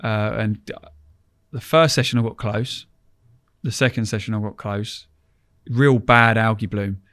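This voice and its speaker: Low-pitched man. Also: fairly even intonation, measured pace, a bit bright, no echo, studio quality. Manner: informal, colloquial, rambling. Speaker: podcast guest, angler. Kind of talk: casual anecdotal storytelling.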